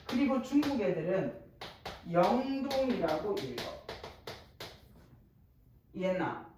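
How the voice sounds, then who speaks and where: A woman with a teaching a Korean language class, lively and constantly checking whether her students follow. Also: a little high. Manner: lively, checks understanding constantly with rhetorical questions. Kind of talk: classroom lecture. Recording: echoey room, voice from a distance, faint noise.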